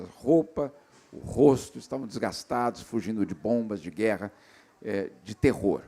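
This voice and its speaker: A man with a Brazilian accent moderating a festival panel, telling a story reflectively with pauses and restarts. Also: medium pitch, dark tone. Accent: Brazilian Portuguese. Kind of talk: storytelling in a live panel talk. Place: stage at a literary festival.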